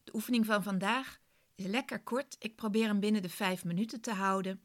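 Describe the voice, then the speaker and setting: A woman's voice: mid-range voice, fairly even intonation, a little fast. A woman instructor casually explaining a relaxation exercise, speaking directly to the listener. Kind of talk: casual spoken introduction to an exercise.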